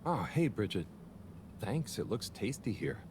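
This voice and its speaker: An actor with a lowish, expressive voice plays Harold, an earnest and awkward young man, speaking a little slowly. Harold talks hesitantly, mumbling and sounding self-conscious. This is game audio with ambient noise in the background.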